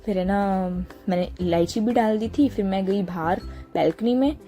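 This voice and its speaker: A young woman from India talks through her day in an easy, chatty voice-over, often stopping to hunt for the right word. Her voice is warm and mellow, set at an ordinary middle pitch. Quiet music plays behind her. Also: moderate pace. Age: young adult. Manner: chatty, searching for words, frequent laughs. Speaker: vlogger. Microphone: small handheld mic.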